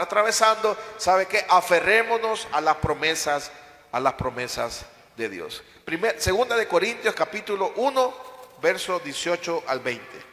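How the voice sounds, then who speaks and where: A male pastor from Honduras preaches with a bright, tense edge to his voice, hammering his message through repetition and questions to the congregation. His sermon rings out in a roomy church hall with a long, lingering echo. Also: sits high. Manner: preaching with repeated emphatic phrases and questions to the congregation.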